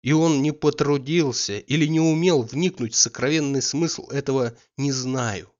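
A man narrating a literary audiobook at a measured, even pace. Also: a little high, muffled recording.

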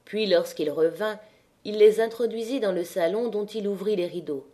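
A woman narrating a classic novel as an audiobook reader, in a measured way. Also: medium pitch, mellow.

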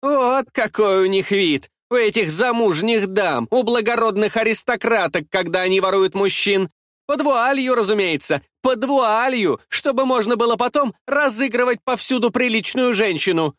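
A man voicing a coarse, jealous woman who blackmails and mocks with a shrill, piercing voice. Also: normal speed, no echo, clean studio sound. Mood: mocking. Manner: shrill, mocking, shouting.

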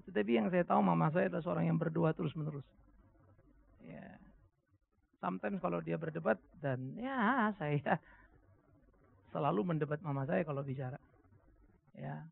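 A middle-aged male pastor delivers a sermon in an animated, emphatic storytelling style. His voice is high, heavily gravelly and husky, and it swings widely in pitch. The recording is tinny and lo-fi, like a phone line.

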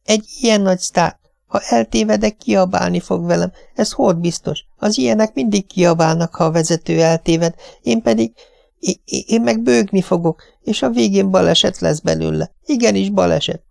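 A man voicing an anxious, whining middle-aged wife in an audiobook, with a tearful, pleading, high voice. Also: lively intonation, gravelly, a little mellow, no room sound, clean studio sound. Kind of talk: audiobook character voice.

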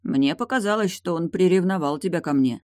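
A woman's voice: fairly low pitch, fairly quick, a little mellow, no room sound, studio quality, close to an everyday voice. A woman reading the part of a mocking, playful young male sidekick in an audiobook. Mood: teasing.

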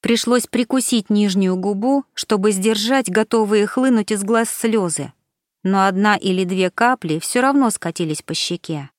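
In a studio-quality recording with no room sound, a woman with a mid-range voice narrates a first-person audiobook, measured and expressive as she tells the story.

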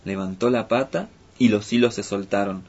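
Husky male storyteller. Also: lowish voice, moderate pace. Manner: lively, playful telling. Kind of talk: folk tale narration. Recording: muffled with faint music.

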